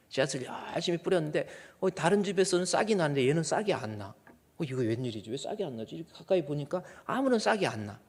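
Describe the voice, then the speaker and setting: A middle-aged male pastor preaching a sermon, moving between quiet asides and loud, emphatic peaks. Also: medium pitch. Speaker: senior pastor. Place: church sanctuary. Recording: long reverb of a church hall.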